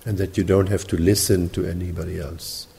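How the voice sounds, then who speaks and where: A man with a mixed British, Dutch and Sinhalese accent, teaching meditation at a retreat in measured, explanatory phrases with pauses. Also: low voice, level tone, gravelly, dark tone. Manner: measured, explanatory, pausing between short phrases. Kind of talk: spoken retreat instruction. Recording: reverberant hall.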